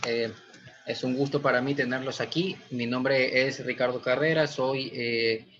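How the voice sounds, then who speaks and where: A man's voice: mid-range voice, fairly even intonation, measured pace, fairly bright tone. A young man from Ecuador with a Guayaquil accent, giving a live webinar lesson and explaining step by step with frequent "eh" fillers. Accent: Ecuadorian Spanish, Guayaquil. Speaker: automation instructor. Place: small room indoors. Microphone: webcam or laptop mic on video call. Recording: muffled video-call audio.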